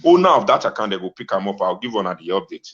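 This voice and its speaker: A talk show host with a Nigerian accent rants informally and with great passion in Pidgin, his exclamations and repeated phrases pressed on the audience. He has a lowish, sing-song voice, a bit bright, and speaks very fast. The sound is dull and lo-fi.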